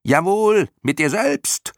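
A man's voice: wildly swooping pitch, normal speed, a bit bright, no echo, studio quality, exaggerated voice. A man voicing a screeching mob of mocking clown creatures in an audiobook. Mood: shrill, mocking. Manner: shrill, shrieking chorus, frantic and mocking. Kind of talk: audiobook character voice.

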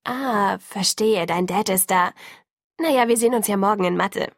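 A woman's voice: medium pitch, no room sound, studio quality, lightly acted. A woman voicing a chatty teenage girl who gushes about her evening and sulks when ignored, reading an audiobook. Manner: gushing, quick to sulk. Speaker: audiobook reader.

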